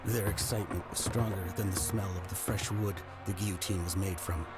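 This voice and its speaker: A man's voice: sits low, steady tone, a little fast, close to an everyday voice. An actor playing a brooding revolutionary judge, narrating his thoughts solemnly in a video game cutscene. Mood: brooding, ominous. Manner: solemn, portentous. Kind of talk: dramatic scripted narration. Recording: loud cutscene music over voice. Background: loud game music.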